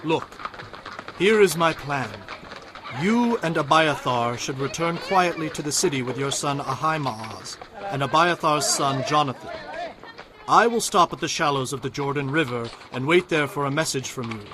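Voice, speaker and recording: A man's voice: fairly high pitch, expressive, moderate pace, background noise, lightly acted. An actor playing a solemn exiled king, earnest and commanding, in a dramatized audio Bible. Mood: instructing. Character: sorrowful exiled king, resigned yet commanding.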